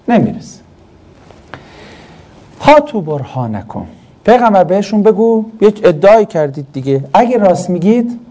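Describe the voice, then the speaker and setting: A man teaching in a classroom, his voice sitting fairly high and mellow. He swings his pitch widely as he quizzes the students and then answers his own questions. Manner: animated, asks the class questions and answers them himself. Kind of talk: classroom lesson on Quranic Arabic grammar.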